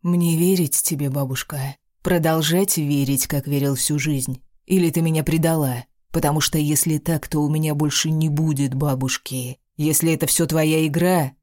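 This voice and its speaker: A man's voice: on the high side, fairly even intonation, moderate pace, hardly any pauses, a little mellow, no echo, clean studio sound, lightly acted. A woman reading an audiobook, voicing a furious, domineering young man who barks harsh accusations at his grandmother. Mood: accusing. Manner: barking, harsh. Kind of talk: audiobook character voice.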